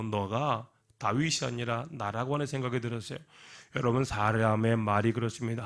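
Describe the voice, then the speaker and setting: A male pastor preaching a sermon in a lively way, often putting questions to the congregation. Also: mid-range voice. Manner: animated, asks the congregation questions. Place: church.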